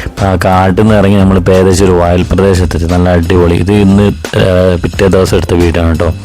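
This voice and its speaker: This travel vlogger, a man from Wayanad, Kerala, India, has a low-pitched, mellow voice with a flat delivery and a fast pace. Speaking with a Kerala Malayali accent, he gives casual, enthusiastic commentary laced with English words, with background music playing.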